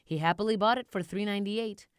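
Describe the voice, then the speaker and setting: A woman reading a rhyming children's storybook aloud in a rhythmic, theatrical, expressive way. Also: medium pitch, quick pace, clean tone, dry recording, studio quality. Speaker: storybook reader.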